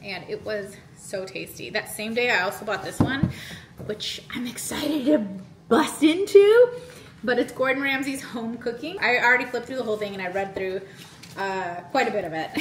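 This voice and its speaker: A woman's voice: a little high, brisk, a bit bright, reverberant. A woman in her thirties chatting casually as a vlogger in her home kitchen while she cooks, laughing often. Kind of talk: casual vlog chat. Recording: noisy kitchen with sizzling pan.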